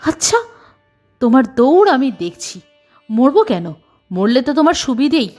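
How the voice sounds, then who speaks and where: A woman voicing a suspicious older wife who questions her husband with sharp, accusing retorts in a storybook reading. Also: high voice, big pitch swings, unhurried, soft background music, full character voice.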